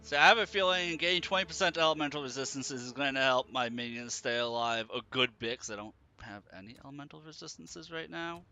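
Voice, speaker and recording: A man's voice: medium pitch, fast, hardly any pauses, pushed and bright. A man doing live gaming commentary as a stream host, thinking aloud. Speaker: livestream gamer host.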